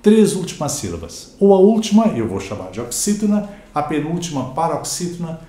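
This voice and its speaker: A man's voice: mid-range voice, warm tone. Didactic Brazilian man teaching in a roomy space. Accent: Brazilian Portuguese. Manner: didactic, stresses example words, asks "ok?" and "certo?". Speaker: Portuguese teacher. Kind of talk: recorded exam-prep lecture.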